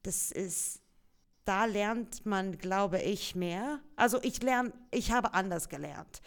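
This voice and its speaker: A woman's voice: mid-range voice, slow, gravelly, smooth. A woman in her forties from Australia with an Australian accent, a musical theatre performer telling stories in a casual interview, with simple non-native phrasing. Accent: Australian English. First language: English. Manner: lively storyteller, laughs often, simple non-native phrasing.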